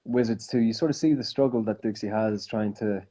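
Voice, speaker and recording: A man's voice: on the low side, a little fast, mellow, breathy edge, low-quality recording. A man answering interview questions as a voice actor guest, modest and easygoing, heard over a video call.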